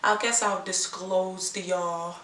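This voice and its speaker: A young woman vlogger chatting casually and rambling to viewers in a low, unhurried way while recovering from an illness. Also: level tone, bright, forceful tone. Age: young adult. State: recovering from illness, clearing throat. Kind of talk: casual chat to viewers while doing her hair. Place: small indoor room. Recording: roomy echo, audible background hiss.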